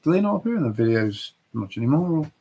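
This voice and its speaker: Man, livestream co-host, husky voice, animated banter. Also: mid-range voice, fast. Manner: jokey, playful banter. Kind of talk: casual chat.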